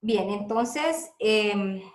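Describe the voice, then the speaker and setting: A woman with a Honduran accent giving a seminar lesson, explaining step by step, repeating her points and often pausing on "eh". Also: mid-range voice, expressive, echoey room. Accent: Honduran Spanish. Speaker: teacher giving a seminar talk. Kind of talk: instructional talk on recording radio audio.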